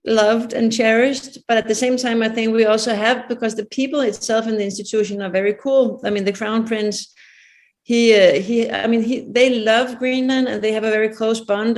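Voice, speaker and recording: A woman from Denmark with a Danish accent, a film producer answering interview questions thoughtfully and searching for her words. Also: fairly high pitch.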